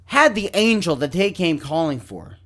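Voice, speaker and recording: Guy cohosting a podcast, dry deadpan storyteller, slightly high voice. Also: moderate pace. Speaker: podcast co-host. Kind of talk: casual comedic chat.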